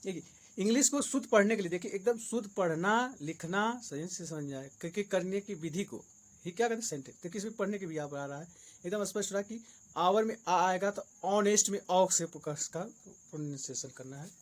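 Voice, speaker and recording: Grammar teacher, male, high voice, Hindi-accented English, repeats rules patiently. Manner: repeats rules and examples slowly, explaining each. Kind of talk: exam-prep grammar lesson.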